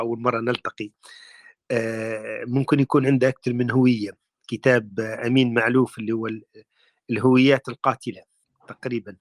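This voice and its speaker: A man with a Libyan accent, calling in to a talk show and asking questions in a measured, formal way. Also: medium pitch, no echo. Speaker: caller.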